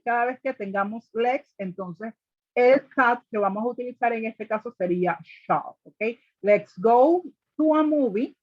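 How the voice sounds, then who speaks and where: A woman's voice: fairly high pitch, dry recording, dull audio. A woman teaching an online class, explaining grammar step by step and often checking with her students. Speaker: English teacher.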